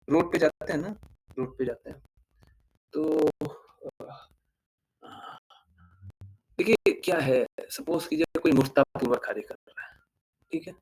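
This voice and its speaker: A man's voice: fairly high pitch, a bit bright, low-quality recording. A man giving a devotional discourse as a spiritual teacher, explaining with everyday examples, asking rhetorical questions and checking in with his listeners.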